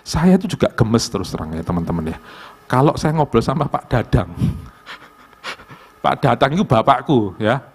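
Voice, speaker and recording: A man's voice: mid-range voice, normal speed, long pauses, slightly rough. A man with an East Javanese accent, giving a conversational youth sermon in a church and acting out little dialogues. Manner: animated, conversational, acts out dialogues. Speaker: pastor.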